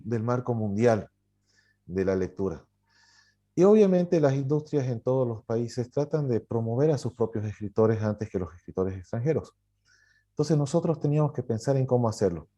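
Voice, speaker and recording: A Bolivian publisher and writer answers interview questions, telling his story with lots of fillers and self-corrections. His voice is mid-range and warm.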